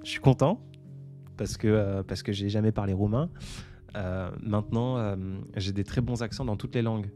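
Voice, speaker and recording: A man's voice: on the low side, moderate pace, dark tone, faint music behind. A man in his twenties hosting a casual live stream, answering viewer comments in a hesitant, reflective way with many fillers. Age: 20s. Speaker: livestream host.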